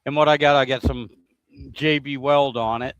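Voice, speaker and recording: A man's voice: medium pitch, fairly even intonation, normal speed, fairly bright tone, smooth, no room sound, dull audio. Rambling American man hosting a stream. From United States. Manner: rambling, hesitant, many fillers and restarts. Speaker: livestream host. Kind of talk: casual livestream chat. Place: home shed workshop.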